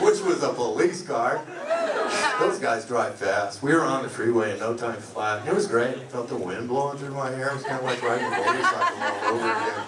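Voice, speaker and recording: A middle-aged man doing a stand-up comedy set, delivering deadpan one-liners. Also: mid-range voice, distant mic. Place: comedy club lounge. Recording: echoey club, mic heard from afar, loud noise. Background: audience laughter.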